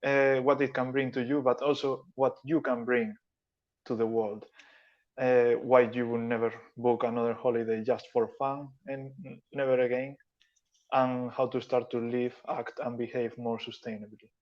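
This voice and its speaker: A man from Spain speaking in an as a guest speaker at an online conference, halting, with phrasing. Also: medium pitch, flat delivery, lo-fi sound. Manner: halting, non-native phrasing. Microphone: video call.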